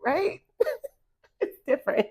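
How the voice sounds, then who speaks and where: A woman's voice: slow, a little mellow. A woman hosting an interview show, talking casually and laughing often between her lines. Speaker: podcast host.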